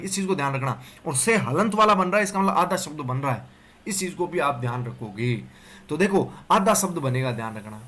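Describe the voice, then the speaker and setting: Repeating "dekho" and "theek hai" as he checks in with the class, a man walks through Hindi grammar step by step for an exam-prep lecture. He has a fairly high, somewhat bright voice.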